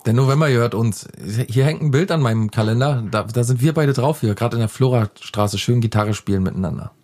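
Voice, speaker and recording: Podcast host, man in his forties, deadpan, crude teasing, mid-pitched voice. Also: a little fast. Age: 40s. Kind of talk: casual comedy chat.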